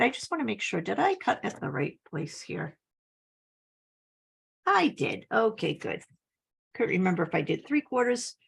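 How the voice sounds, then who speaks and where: A woman's voice: on the high side, creaky, slightly rough. A woman giving a casual, chatty scrapbooking tutorial, upbeat and full of little laughs. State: slight cough. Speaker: scrapbooking instructor.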